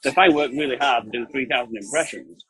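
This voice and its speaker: A man with a mid-pitched voice joins a casual chat as a guest on a video call. He explains things emphatically, often asking a question and then answering it himself. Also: quick pace, poor audio. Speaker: call-in guest, print production operator. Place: outdoors at a pub.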